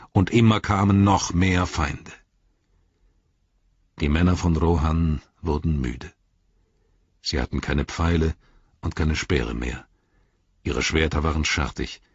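A man reading an audiobook in a measured, dramatic storytelling manner. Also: rumbling low, breathy edge, dry recording. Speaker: audiobook narrator. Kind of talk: scripted audiobook narration. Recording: dry, slightly dull lo-fi recording.

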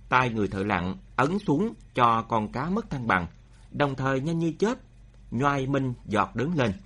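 Husky expressive male storyteller. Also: mid-range voice. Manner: expressive, shifting pace for drama. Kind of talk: storytelling narration.

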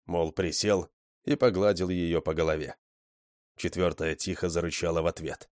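A man narrating an audiobook in an expressive storytelling manner. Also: deep voice, moderate pace, no echo, studio quality.

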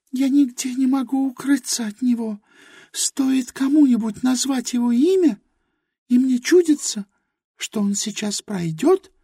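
Lady doing a shy little girl, soft breathy pleading voice, slow and mellow. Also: fairly high pitch, dry recording, clean studio sound, full character voice. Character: timid, childlike young girl. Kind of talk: audiobook character reading.

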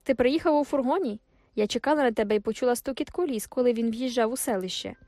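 A woman's voice: a little high, fast, mellow, dry recording, clean studio sound, natural voice. A woman voicing an eager, cheerful young woman in love in an audiobook. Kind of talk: audiobook character voice.

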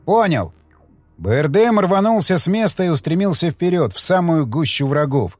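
Expressive male audiobook narrator. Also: on the high side, fairly quick, no echo, soft background music. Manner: steady, expressive storytelling.

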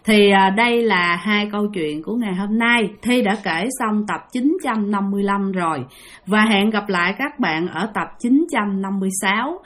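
A woman's voice: medium pitch, normal speed, fairly bright tone. A woman with a Southern Vietnamese accent hosting a ghost-story show, chatting straight to her listeners and repeating phrases as she tells the tale.

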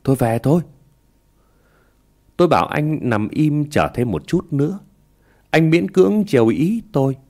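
A man narrating a ghost story in a slow, hushed storytelling manner. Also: fairly high pitch, very animated.

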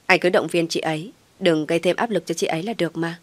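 A woman's voice: on the low side, fast talker, no room sound, close to an everyday voice. A woman voicing a male hospital doctor who speaks in a defensive, lecturing way. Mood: calm.

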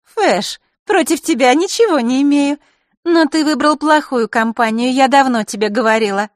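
A woman's voice: high voice, moderate pace, no room sound, clean studio sound, voice pushed up, close to an everyday voice. A woman voicing a sly, mocking teenage girl in an audiobook, with a sing-song, taunting delivery. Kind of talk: audiobook character reading.

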